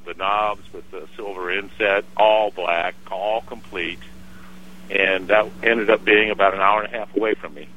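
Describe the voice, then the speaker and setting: A man from Wisconsin, a guest on a radio show, telling a collecting story in a plain, relaxed way. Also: low voice, slight background noise, low-quality recording. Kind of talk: casual interview chat.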